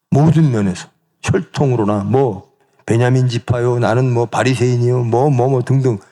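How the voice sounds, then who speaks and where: Gravelly, lively male pastor preaching. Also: a little high. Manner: rhetorical questions to the congregation, acting out quoted voices. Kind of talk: sermon. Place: church sanctuary.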